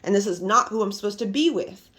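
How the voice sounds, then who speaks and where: A woman's voice: medium pitch, fast talker, fairly bright tone, husky. A middle-aged woman venting to her viewers in a casual monologue, emphatic and exasperated, swearing freely. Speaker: vlogger.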